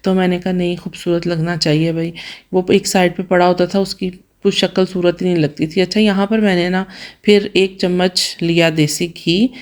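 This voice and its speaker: Hoarse, chatty woman from Pakistan. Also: lowish voice, little pitch movement, normal speed. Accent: Pakistani Punjabi. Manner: chatty, addresses viewers directly, asks their opinion. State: hoarse, tired from fasting. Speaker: vlogger. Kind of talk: casual home vlog voice-over. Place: home in Germany, voice-over.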